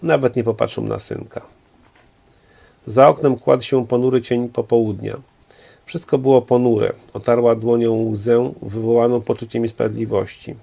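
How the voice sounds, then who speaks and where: A man reading a novel aloud in a steady, even narration. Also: medium pitch, moderate pace, gravelly. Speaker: reader.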